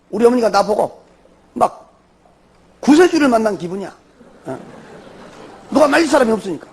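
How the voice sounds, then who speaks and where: Middle-aged male pastor, Jeolla Korean accent, high husky voice, lively rise and fall, animated testimony sermon with rhetorical questions.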